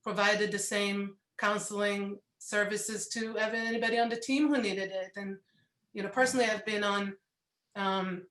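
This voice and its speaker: A woman documentary producer speaking frankly and in a measured way in an interview. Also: medium pitch, steady tone, a bit bright. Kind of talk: remote interview answers. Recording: echoey room.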